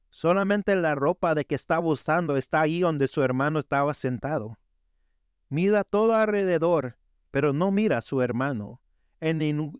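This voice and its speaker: A man delivers a sermon with earnest storytelling. His voice sits high and sounds smooth and resonant. The recording is dry and close, with no room sound. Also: no room sound. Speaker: preacher.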